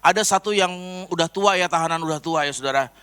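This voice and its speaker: A man preaches his testimony in a sermon, recounting his story animatedly and addressing the congregation as saudara. He speaks quickly with a fairly high, sharp, yet smooth voice.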